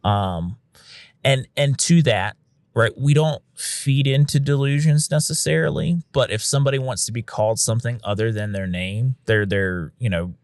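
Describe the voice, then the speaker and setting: Speaking at normal speed in a mid-range voice with no room sound, a paramedic and instructor chats frankly on a podcast, occasionally swearing. He acts out the lines he'd use with patients.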